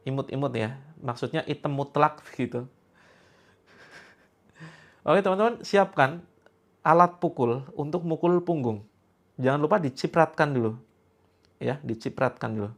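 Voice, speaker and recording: In his sixties, a preacher playfully teases and jokes with a live gathering while leading a healing session. His expressive voice sits on the high side, with a measured pace and frequent pauses.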